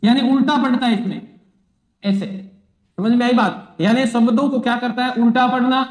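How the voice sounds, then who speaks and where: A man's voice: very high voice, fairly even intonation, moderate pace. A man teaching an exam-prep psychology lesson, repeating key phrases and asking and answering his own questions. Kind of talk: exam-prep classroom lecture. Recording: echoey room.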